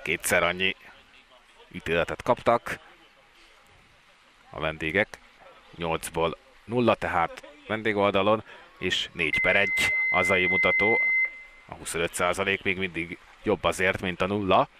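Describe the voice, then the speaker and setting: Male sports commentator, excitable live match delivery, fairly low voice with a forceful, bright edge. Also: pauses often. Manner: excited, voice rising at key plays.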